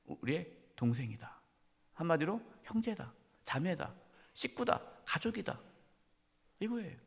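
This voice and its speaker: Middle-aged pastor preaching in a reverberant church. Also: male voice, on the high side, sing-song, unhurried, gravelly, husky. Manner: swings between loud emphatic questions and hushed near-whispers. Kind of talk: sermon. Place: church sanctuary. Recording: long church hall reverb.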